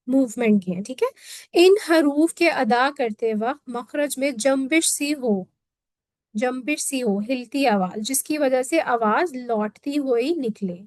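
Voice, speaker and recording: A Pakistani woman, a Quran teacher, leads a classroom lesson on Quran recitation in a high voice. She is patient, going over each point again and checking her students understand with "theek hai." The recording is dry, with no room echo.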